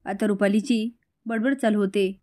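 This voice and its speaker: A woman's voice: mid-range voice, steady tone, normal speed, warm tone. Woman narrating a soap recap. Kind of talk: storytelling recap.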